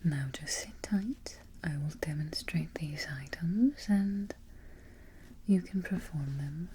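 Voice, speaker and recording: A woman playing an imperious, fussy, vain evil queen in a darkly comic ASMR roleplay, with a soft, breathy near-whisper, close to the microphone and haughty in her phrasing. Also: low-pitched, a little hiss or hum. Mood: commanding. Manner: deliberate, haughty, formal phrasing.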